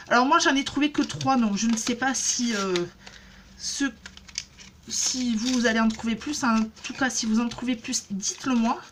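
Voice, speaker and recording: Chatty woman vlogger, slightly high voice. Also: a little hiss or hum. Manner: chatty, many fillers and restarts. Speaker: beauty vlogger. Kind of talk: casual haul vlog.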